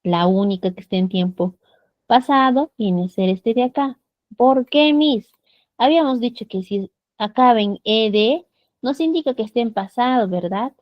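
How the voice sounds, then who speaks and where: A woman with a somewhat high voice teaches an online English grammar class in Peruvian Spanish over a video call, speaking at a normal speed. The computer mic gives a dry sound with the highs cut off, and she patiently checks understanding with frequent tag questions.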